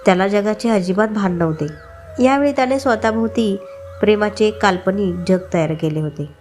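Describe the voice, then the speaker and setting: A woman narrating a family story in a steady, even storytelling read. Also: medium pitch, brisk, soft background music.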